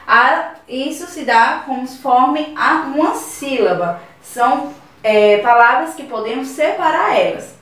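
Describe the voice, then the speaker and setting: High-voiced Brazilian teacher in echoey room. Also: female voice, lively intonation, fairly bright tone, recorded from a distance. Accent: Brazilian Portuguese. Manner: slow, careful explaining, repeating words syllable by syllable. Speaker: primary school teacher. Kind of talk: recorded remote class for children.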